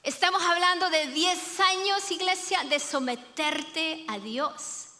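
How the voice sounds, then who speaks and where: A woman's voice: extremely high pitch, slow pace, bright, forceful tone. A woman preacher giving a sermon, telling the story with animation and speaking directly to the congregation. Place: church sanctuary. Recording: reverberant church hall.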